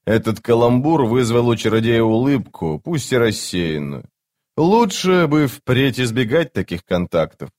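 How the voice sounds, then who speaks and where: A man narrating a fantasy audiobook in a measured, steady way. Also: fairly low pitch.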